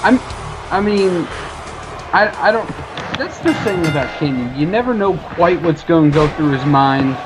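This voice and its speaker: A man's voice: a little high, noisy background. A male wrestling color commentator who sounds amused and hesitant and often restarts his sentences.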